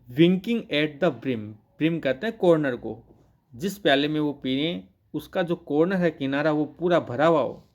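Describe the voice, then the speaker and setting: A man teaching English literature, reading each line of a poem slowly and then explaining it in Hindi, often asking questions and answering them himself. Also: fairly high pitch.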